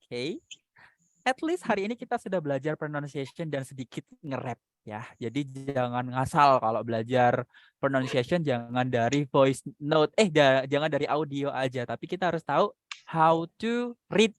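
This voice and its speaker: A man's voice: medium pitch, animated, moderate pace, no echo. An Indonesian-accented man runs an online English class. He talks casually and cheerfully, drilling the alphabet at three speeds. The sound is dry, as on a video call. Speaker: English speaking tutor.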